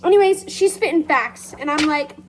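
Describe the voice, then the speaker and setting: A woman's voice: high voice, normal speed, slight background noise. A young woman filming a reading vlog, reacting dramatically to a book with gasps and swearing, recorded on wireless earbuds. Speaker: book vlogger.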